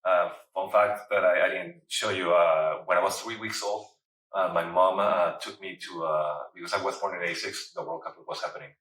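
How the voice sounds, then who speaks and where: A Mexican man in his thirties, a photographer and writer, chats casually in an interview, filling his speech with lots of fillers. His voice is low and fairly bright, with fairly even intonation at a normal pace. The mic sits at a distance in a roomy space.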